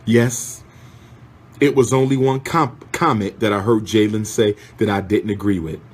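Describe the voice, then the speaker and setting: A man's voice: lowish voice, fairly even intonation, unhurried, husky. A man giving impassioned, sermon-like commentary, fiery and repetitive as he calls people out one after another.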